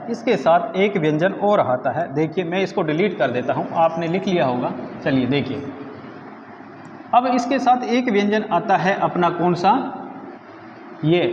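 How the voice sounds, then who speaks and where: A man teaching Hindi grammar in a video lesson, who asks students questions, answers them himself and repeats words slowly. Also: high voice, roomy sound, in a large hall, muffled recording, a little hiss or hum.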